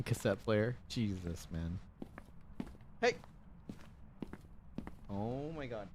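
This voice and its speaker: A man's voice: on the low side, expressive, very slow, noisy background. A man in his thirties streaming a game, chatting casually and jokily, rambling between stories and swearing now and then. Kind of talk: casual gaming stream chat.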